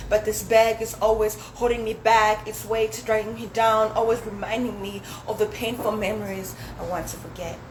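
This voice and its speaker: A young Zambian woman, a native Swahili speaker with an African accent who later moved to the United States, performs spoken word poetry live at an indoor dinner event with an audience. Her mid-range voice is level, normal in speed and has few pauses, heard in an echoey room with loud background noise.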